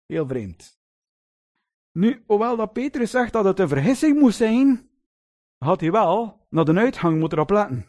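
A man delivering a sermon in a high-pitched voice. His pitch swings widely as he tells the story, and he keeps drawing the congregation in with tag questions and fond asides. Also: a little slow, pauses often. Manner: lively storytelling, addresses listeners with "lieve mensen" and tag questions. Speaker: preacher.

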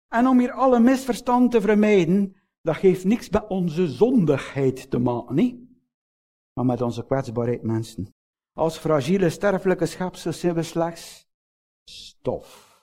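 High-voiced Flemish preacher. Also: male voice. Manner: earnest, addresses listeners directly with frequent rhetorical questions; swings between raised emphatic phrases and low, slowed, hushed endings. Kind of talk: sermon.

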